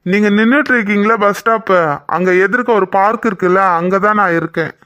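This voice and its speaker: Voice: mid-range voice, a little fast, bright, forceful tone, dry recording, close to an everyday voice. A voice actor playing a young man in a cartoon who is protective of the woman he loves, teasing and possessive by turns. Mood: curious. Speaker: cartoon character. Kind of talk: Tamil cartoon voice acting.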